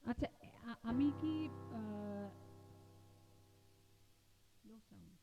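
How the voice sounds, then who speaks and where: A woman's voice: medium pitch, extremely slow, vocal fry, dull audio, music in the background. A woman hosting a casual live stream, chatting and checking viewers' comments about the sound. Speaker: live stream host and singer. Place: home room with speaker box. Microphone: mic and speaker box in front of camera.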